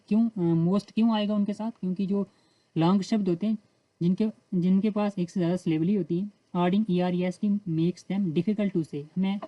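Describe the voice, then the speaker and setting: A woman with an Indian accent teaching English grammar in Hindi. She explains the rules step by step and reads the English example sentences slowly. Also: medium pitch, no echo, dull audio.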